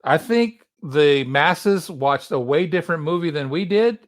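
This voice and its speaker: A man's voice: on the high side, expressive, measured pace. Man hosting a casual movie chat. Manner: wry, reads listener reviews aloud. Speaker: podcast host.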